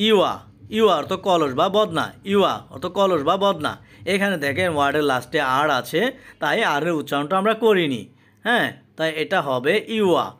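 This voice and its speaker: A man teaching English pronunciation, repeating each word and its meaning twice in a slow, patient explanation. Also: a little high, lively intonation, a bit bright. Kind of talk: spoken language lesson.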